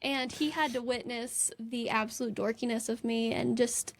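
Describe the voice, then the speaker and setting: A woman in her twenties from North Carolina, telling stories in a chatty, animated way in a small meditation room. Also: on the high side, normal speed. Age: 20s. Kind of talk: casual chat.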